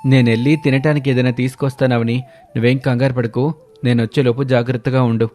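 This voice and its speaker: A man's voice: medium pitch, level tone, fast, darkish tone, a little hiss or hum, close to an everyday voice. A man voicing a worried young husband, urgent and questioning.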